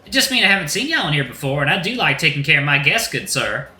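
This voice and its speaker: A fairly high, pushed-up, exaggerated male voice plays a flamboyant rooster drag queen bar owner, sassy and welcoming in a put-on Southern American accent. He is very animated and fast, with a bright, forceful tone, and is folksy and effusive, full of terms of endearment. The room is echoey.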